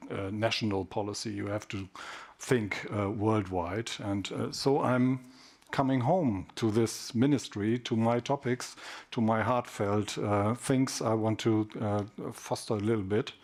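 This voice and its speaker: A man with a German accent, a native German speaker, introducing himself on a panel with many hesitant pauses. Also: lowish voice, darkish tone. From northwest Germany. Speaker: government state secretary.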